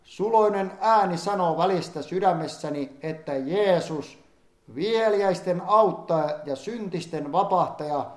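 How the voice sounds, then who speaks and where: A man reading an old-fashioned sermon aloud in a solemn, fervent manner, rising in emphasis on pleading passages. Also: high-pitched. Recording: echoey room.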